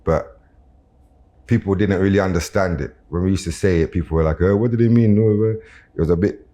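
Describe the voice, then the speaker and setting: With a low, dark voice and fairly even intonation, this Brixton man talks a little fast as a guest rapper on a podcast. His South London roadman accent comes with heavy street slang and frequent "innit" and "you know what I'm saying."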